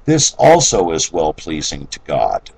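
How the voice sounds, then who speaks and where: A man reading an old devotional treatise aloud in a measured, solemn way, letting his voice sink low and soft on each scripture reference. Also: huge pitch swings, vocal fry, breathy edge, no room sound, low-quality recording. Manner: occasional self-corrections while reading.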